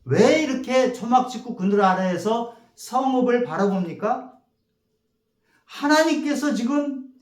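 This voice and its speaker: Male pastor, sermon, lively storytelling, high voice, echoey church hall. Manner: animated storytelling, acts out quotes. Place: church sanctuary.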